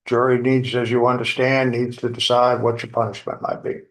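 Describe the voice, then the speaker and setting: A male lawyer questions a witness in court at a middling pitch. His phrasing is informal, folksy and a little halting. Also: level tone, poor audio. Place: indoor courtroom.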